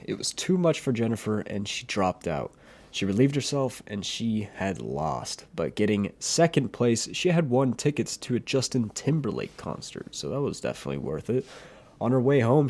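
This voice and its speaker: Low-voiced man narrating a true-crime tale. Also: darkish tone. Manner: plain, earnest retelling with brief personal opinions. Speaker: YouTube horror storyteller.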